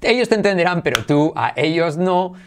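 A man with a Spanish accent from Spain, teaching an online English lesson and repeating words slowly to drill pronunciation. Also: a little high, animated, a little hiss or hum.

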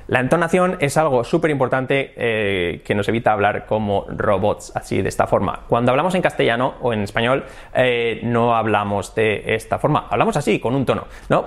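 Animated Spanish man teaching English. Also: mid-range voice. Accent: Spain Spanish. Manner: animated, demonstrates phrases in different tones. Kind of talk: casual spoken lesson.

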